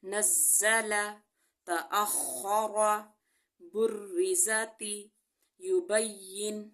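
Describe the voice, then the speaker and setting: A woman teaching a Quran recitation lesson. She explains each sound patiently, then recites the words slowly and clearly. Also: medium pitch.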